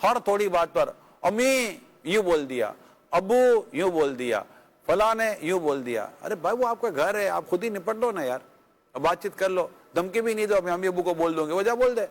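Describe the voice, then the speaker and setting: A man's voice: sits high, expressive. Earnest man giving religious advice. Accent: Pakistani Urdu. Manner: earnest, conversational, with pious formulas and rhetorical questions. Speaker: religious scholar answering questions.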